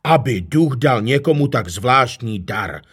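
A man's voice: medium pitch, expressive, fairly bright tone, husky. A man reading a children's storybook, voicing a friendly female swallow in a slightly raised, kindly voice. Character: friendly female swallow who carries the elves.

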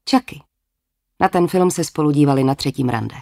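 A woman's voice: deep voice, animated, vocal fry, dark tone, no room sound, studio quality. A woman narrating a novel as an audiobook, with a wry, lightly ironic tone.

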